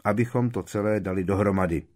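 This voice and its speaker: A man's voice: on the low side, darkish tone, close to an everyday voice. A man reading aloud, voicing a determined teenage boy giving firm orders.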